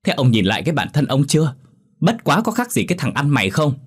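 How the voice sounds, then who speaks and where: A man voicing a rude, defiant young daughter who mocks and shouts insults at her parents, in a spoken horror story. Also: very animated, quick pace, slightly rough. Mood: scornful. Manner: shrill, mocking, shouting insults.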